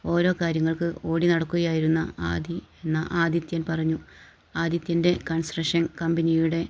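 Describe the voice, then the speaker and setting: A storyteller reading a family drama aloud as scripted narration, in an even, unhurried way with small restarts. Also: medium pitch, vocal fry.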